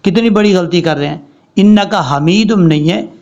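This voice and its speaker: A man teaching prayer pronunciation, slowly drawing out recited Arabic words between explanations. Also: sits high, darkish tone. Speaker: tajweed teacher. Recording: dull lo-fi recording.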